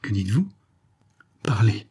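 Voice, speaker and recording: A man voicing a proud, impulsive young gentleman who speaks quickly and earnestly. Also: mid-range voice, animated, slightly rough.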